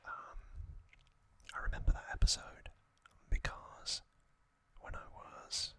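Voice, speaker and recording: Whispering softly, this ASMR host rambles his way through bits of trivia, pausing often and filling gaps with ums. Along the way he shares personal memories.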